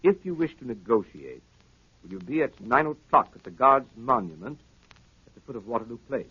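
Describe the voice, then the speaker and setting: A man playing a loyal gentleman doctor, husky, measured and earnest, in a 1930s radio drama. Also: mid-range voice, very animated, dry recording, full character voice. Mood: reading aloud. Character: loyal gentleman doctor narrating his detective friend's adventures. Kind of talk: 1930s radio acting, scripted narration. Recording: dull vintage 1930s radio recording.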